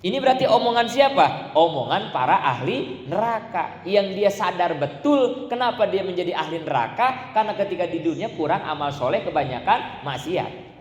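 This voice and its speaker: Male preacher, lively sermon delivery, slightly high voice, reverberant hall. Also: moderate pace. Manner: lively, acts out pleading voices of the dead. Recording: echoey hall.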